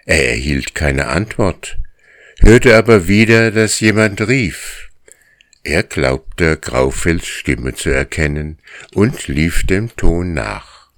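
A man reading a story aloud as narrator, in a slow, measured storytelling manner. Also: deep voice, lively intonation, a bit bright, no room sound, clean studio sound. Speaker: audiobook narrator. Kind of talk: scripted narration.

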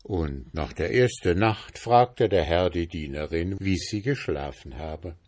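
A man reading a folk tale aloud in a slow, even storyteller's manner. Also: sits low, dry recording.

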